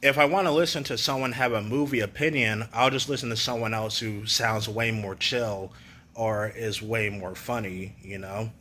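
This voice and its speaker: Forceful low-voiced man ranting. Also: steady tone, normal speed, a little hiss or hum. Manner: opinionated, sarcastic, heavy on "you know" fillers. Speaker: YouTube commentator. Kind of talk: casual opinion rant.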